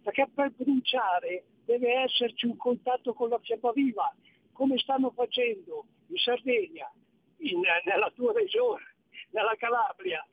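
A man's voice: extremely high pitch, sing-song, unhurried, husky. A man calling in to a radio show over the phone, indignant and lecturing. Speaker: caller. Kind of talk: call-in radio rant. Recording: narrow phone-line audio.

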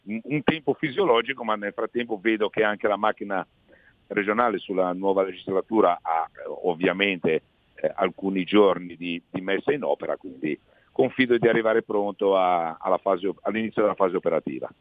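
A man from Savona heard over a phone line, a newly elected regional councillor answering a live radio interview in a measured, halting way with frequent hesitations. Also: low-pitched, no room sound. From Savona, Liguria. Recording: tinny, dry phone line.

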